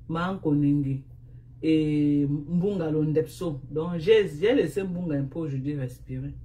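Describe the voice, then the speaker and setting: A woman with a Cameroonian French accent talks to her live-stream viewers through a phone, in an unhurried, drawn-out way. She circles back to the same teasing, scolding phrases again and again, half playful and half mocking. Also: low-pitched, warm tone. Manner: repetitive, teasing, scolding refrains.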